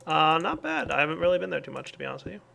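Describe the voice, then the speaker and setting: A man's voice: a little high, big pitch swings, rapid-fire, vocal fry, sharp tone, slight background noise. A man casually commenting on his game as he plays, thinking aloud with lots of fillers. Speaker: let's play host.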